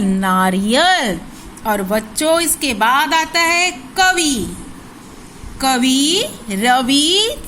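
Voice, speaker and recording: Woman teacher, high voice, very slow and drawn out, spelling words for little kids, faint hiss behind. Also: pushed and bright, poor audio. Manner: spells words syllable by syllable, asks questions and answers them herself. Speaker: primary school teacher. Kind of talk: slow, drilled recitation lesson for young children.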